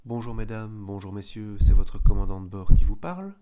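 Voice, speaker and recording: A man's voice: on the low side, animated, normal speed, background noise, close to an everyday voice. A man playing an airline captain on the cabin announcement. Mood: formal. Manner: formal announcer delivery. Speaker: maths teacher.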